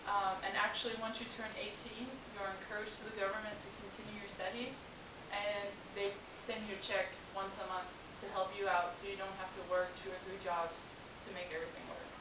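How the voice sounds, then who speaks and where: This young Danish woman, a native speaker, presents prepared informative material to an audience at a fairly quick pace with few pauses. Her voice is medium-pitched and level in tone. A distant mic yields echoey, muffled, hissy sound.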